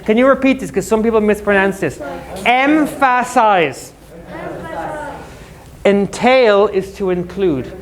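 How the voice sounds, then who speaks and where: In a school classroom, a male English teacher with a high voice explains words to his students using quick, jokey everyday examples.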